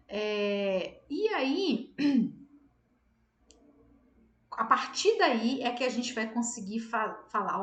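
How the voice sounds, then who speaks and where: A woman's voice: on the high side, echoey room. A woman teacher with a Brazilian Portuguese accent giving a casual grammar lesson, acting out her students' questions and answering them in a chatty way.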